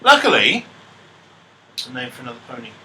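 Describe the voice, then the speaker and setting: A man's voice: medium pitch, sing-song, a little fast, sharp tone, far from the mic, low-quality recording. A male teacher, telling a playful story in a maths lesson and feigning confusion to draw out his pupils. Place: classroom.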